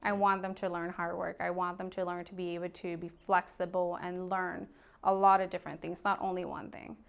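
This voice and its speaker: A woman with a fairly low, level voice and noticeable vocal fry talks at a brisk clip. In her thirties and working in real estate in Arizona, she is an easygoing, talkative podcast guest who laughs readily during the casual interview.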